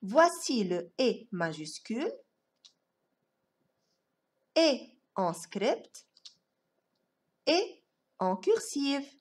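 A woman teaching young children a phonics lesson, enunciating each word in a slow, exaggerated sing-song way. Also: fairly high pitch, very animated, darkish tone. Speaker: preschool teacher.

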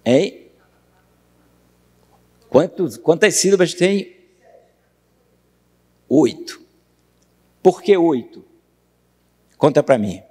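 A man with a Brazilian Portuguese accent giving a university lecture on poetry, questioning the audience and reciting verse slowly. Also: a little high, very animated, a little mellow, breathy edge. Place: university auditorium. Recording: long hall reverb.

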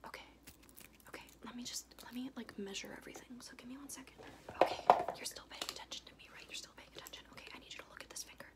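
Young woman whispering fast aggressive asmr role-play, whispered role-play up close, chaotic, repeats herself. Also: on the high side. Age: young adult. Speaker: ASMR performer. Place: small indoor room at home.

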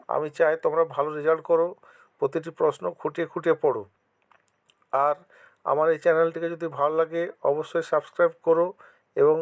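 A man from West Bengal with a West Bengal Bengali accent, teaching an exam-prep lesson to his students. He reads each question aloud, answers it, and gives examples. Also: fairly high pitch. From West Bengal, India. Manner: addresses students directly, encouraging.

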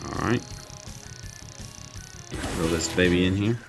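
A man with a very deep voice narrates his own mobile gameplay in a casual, chatty review. He thinks aloud and pokes fun at his own missed casts. Faint game music plays behind him. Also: slow pace, gravelly.

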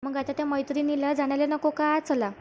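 A woman's voice: sits high, flat delivery, a little fast, darkish tone, slight background noise, close to an everyday voice. A woman voicing a scheming middle-aged man, a father, who speaks in a fawning, mock-apologetic way. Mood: fake apologetic.

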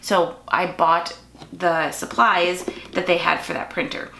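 In a bright, echoey craft room at home with faint background noise, a woman in her forties casually narrates what's in her drawers for her craft channel. She's relaxed and chatty, correcting herself often, with a lowish, unhurried voice and vocal fry.

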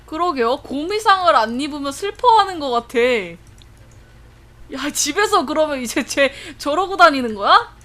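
A young woman streaming a life-sim game, chatting to viewers and breaking into excited laughing shrieks. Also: high-pitched, unhurried. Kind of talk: casual livestream commentary.

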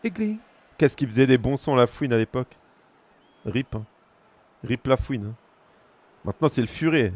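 A man's voice: mid-range voice, animated, normal speed, long pauses, a little mellow. A man in his thirties from France, streaming a football game and bantering with his chat in slangy, joking asides. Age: 30s. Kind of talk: casual gaming stream chat.

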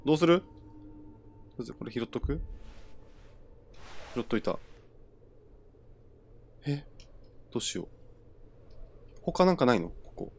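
A man's voice: medium pitch, big pitch swings, a little slow, pauses often, slight background noise. Jumpy stammering man playing a horror game. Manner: jumpy, stammering and talking to himself. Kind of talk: let's play commentary.

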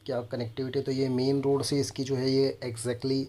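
Speaking to viewers at a moderate pace, a man in his thirties with an Indian accent presents a property walkthrough in a Hindi-English mix. He works as a property consultant and video host, and his voice is medium-pitched, level and dark in tone.

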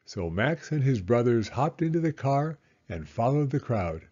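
A man reads a children's storybook aloud as the narrator, using expressive, deliberate phrasing at a medium pitch. The sound comes across slightly dull.

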